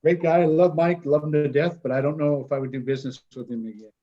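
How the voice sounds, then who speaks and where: A man's voice: fairly high pitch, fairly even intonation, fast talker, warm tone. Blunt man on a dull-sounding call. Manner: blunt, frank. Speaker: meeting participant. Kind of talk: casual video call chat. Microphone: video call.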